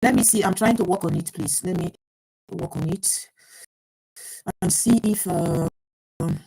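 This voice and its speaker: A gravelly, dark-toned, slightly rough woman's voice of medium pitch moves a little slowly. Hosting a live online talk show with an earpiece mic, she gets flustered and talks through the technical trouble with plenty of fillers and restarts.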